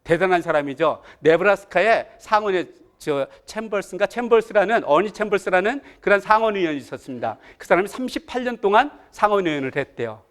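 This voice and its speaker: A man's voice: high voice, expressive, fairly quick, hardly any pauses, fairly bright tone. A man teaching a casual Bible lesson, chatty and chuckling, often asking his listeners questions.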